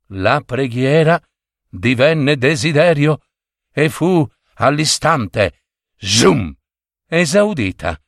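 A man's voice: medium pitch, fairly bright tone, dry recording, studio quality. A man narrating a fairy tale expressively, with playful asides. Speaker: storyteller.

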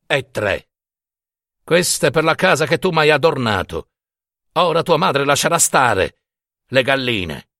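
A man voicing a grim, vengeful peasant husband in a storybook reading, speaking low and curt. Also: sing-song, a little slow, long pauses, sharp tone, dry recording, clean studio sound, full character voice. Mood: menacing.

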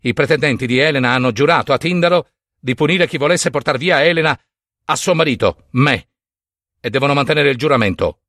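A man's voice: medium pitch, a little fast, a bit bright, no echo, studio quality. Menelaus, a man doing a grim wronged king.

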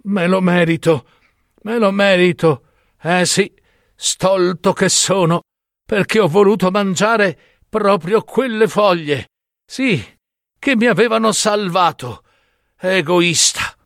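A man's voice: high-pitched, a bit bright, dry recording, studio quality, pitched above the performer's own voice, full character voice. A man voicing a dying stag who blames himself in a storybook fable. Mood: remorseful. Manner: remorseful, drawn-out.

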